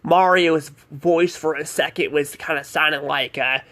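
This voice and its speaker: A man's voice: fairly high pitch, steady tone, unhurried, pushed and bright. A man giving a casual spoken review of a cartoon episode, rambling and hesitant, filling gaps with "like" and "I don't know".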